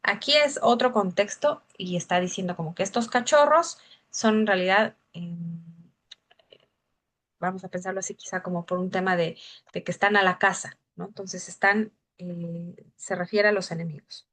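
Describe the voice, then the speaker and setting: A woman's voice: fairly low pitch, normal speed, fairly bright tone. Woman teacher, reflective Bible study delivery, asks rhetorical questions. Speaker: teacher of Psalms.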